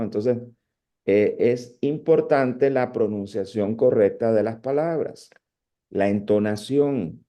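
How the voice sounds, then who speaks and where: A man teaching a university class on preaching, talking in an animated, conversational way with frequent restarts and mock impressions. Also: lowish voice. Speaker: preaching professor.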